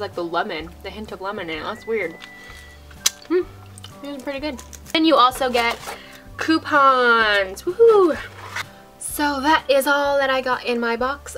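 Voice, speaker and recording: A woman's voice: medium pitch, pushed and bright. A young woman vlogger chatting casually while unboxing and tasting snacks, sometimes talking with food in her mouth.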